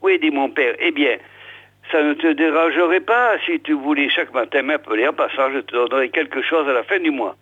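A kindly, hardworking village potter in his own everyday voice, as a male storyteller plays him. He talks briskly and plainly. The recording is thin and phone-like. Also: fairly high pitch, dry recording, lightly acted. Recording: tinny phone-like old recording.

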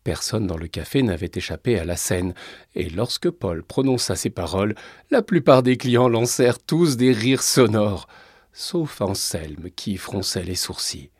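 A man narrating a storybook in a measured, steady reading voice. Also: on the low side, husky, no room sound.

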